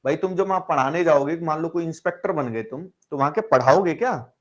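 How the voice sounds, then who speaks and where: A male maths teacher running a live online class, in a voice pitched a little above the usual for a man. He walks through each step, asks the students questions he then answers himself, and keeps nudging them to type their replies. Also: brisk. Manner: coaxing, keeps calling students brother and asking them to reply; explains step by step with rhetorical questions.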